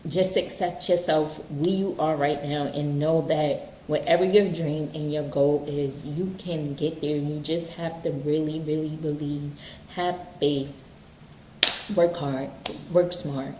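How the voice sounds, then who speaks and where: A woman's voice: low-pitched, fairly even intonation, slow pace, warm tone, roomy sound, a little hiss or hum, poor audio. A woman giving casual motivational self-help advice, earnest, often checking in with "okay?". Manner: earnest, repeats points with "okay?".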